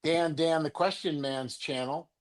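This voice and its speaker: A middle-aged man from California talks cards on a casual podcast, joking and rambling through his stories. His voice sits a little high. He likes to tease his co-host with nicknames. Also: steady tone, unhurried.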